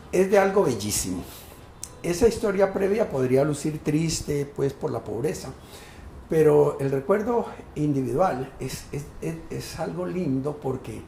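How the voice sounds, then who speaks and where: An older man in his sixties with a gravelly voice recalls his childhood in a measured, lyrical way. His tone is dark and mellow, and the echoey room carries a faint hiss. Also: mid-range voice. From Tumaco, Colombian Pacific coast. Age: 60s. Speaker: interviewee. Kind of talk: reflective storytelling interview.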